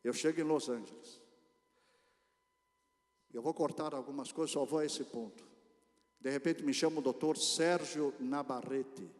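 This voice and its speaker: A man from Brazil with a Brazilian accent, preaching a storytelling sermon and speaking directly to the congregation in an animated way. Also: mid-range voice, moderate pace, pauses often. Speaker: pastor. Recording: reverberant church hall.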